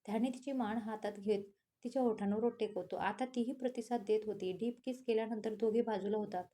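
A woman narrating a romantic story, reading in a steady, even way. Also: on the high side, a little fast.

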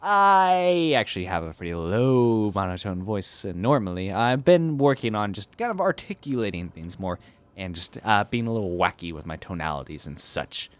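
Playing a strategy game for a let's play, a young man cracks jokes and bickers with himself in silly voices in a goofy, casual commentary. He speaks at normal speed in a lowish, sing-song voice, with no echo.

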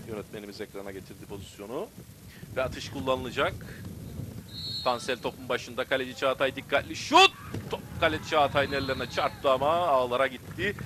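A man giving live football play-by-play, bursting into loud, excited shouts at key moments. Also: mid-range voice, background noise. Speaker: football match commentator.

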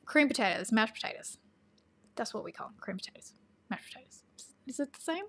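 A chatty woman with a Tennessee Southern accent hosts a casual livestream and answers viewer questions. She laughs often and slips into soft asides. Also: fairly high pitch, expressive, fairly quick. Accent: Southern American (Tennessee).

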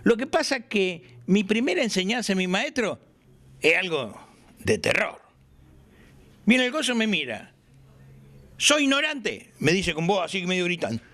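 A man's voice: high voice, normal speed. An older man with an Argentine accent, chatting in his workshop as an interviewee and telling stories animatedly, acting out the dialogue he quotes. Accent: Argentine Spanish. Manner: animated storyteller who acts out quoted dialogue. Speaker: aircraft builder interviewee.

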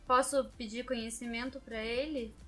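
A woman's voice: on the high side, fairly even intonation, moderate pace. A young woman hosting her own gaming channel, chatting casually to viewers as she plays a mobile game. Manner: chatty, talks straight to viewers. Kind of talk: casual gameplay commentary.

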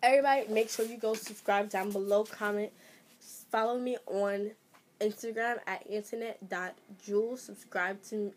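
Young female vlogger, mid-range pitch, animated and exclamatory, chatty thinking-aloud delivery. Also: normal speed, slight background noise. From Trinidad. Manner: excitable, exclaiming, thinking aloud while reading. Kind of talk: casual vlog, reacting to results.

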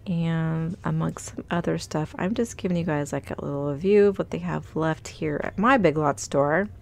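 At a normal pace, a woman gives a relaxed, cheerful walk-through of a large retail store, calling out products and what they cost. Her slightly low voice carries a gravelly vocal fry. The audio seems to come from a phone held in her hand.

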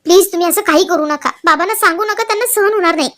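A gentle young daughter-in-law, anxious and pleading, read by a woman. Her voice is high, and she speaks with worried earnestness. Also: rapid-fire. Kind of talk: dramatized serial recap reading.

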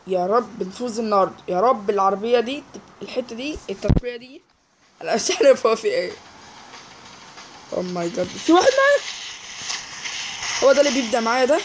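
A man with an Egyptian Arabic accent giving excitable live gameplay commentary, repeating words in quick bursts. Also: very high voice, noisy background. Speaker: gaming YouTuber.

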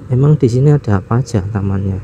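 Here a motovlog host speaks in a lowish, warm voice through dull audio, riding his motorcycle in city traffic. He talks casually and without hurry, chuckling as he muses about where to go, over a backdrop of traffic and engine noise.

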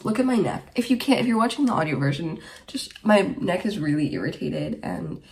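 In a small bedroom, a roughly twenty-year-old podcast host from Germany rambles chattily to camera, prone to tangents. Her voice is on the low side and a little mellow, animated and fairly quick.

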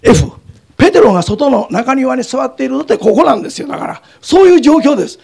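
A man with a Kansai accent giving an animated lecture on scripture, acting out scenes as he goes. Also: extremely high pitch, fast, creaky. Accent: Kansai Japanese. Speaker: Bible lecturer.

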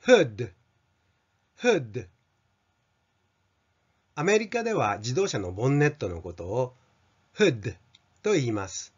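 A man's voice: medium pitch, huge pitch swings, fairly quick, few pauses, breathy edge. An older Japanese man teaching an English pronunciation lesson, carefully modelling sounds for students to repeat. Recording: slightly dull lo-fi sound.

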